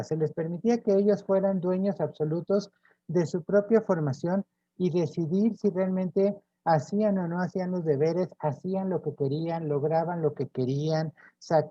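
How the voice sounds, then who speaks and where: A Mexican man lecturing a university class with a very dark, mellow voice. He explains patiently and keeps checking in with short tag questions. The sound is dry and a little dull, like muffled online class audio. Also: on the high side, dry recording. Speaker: professor.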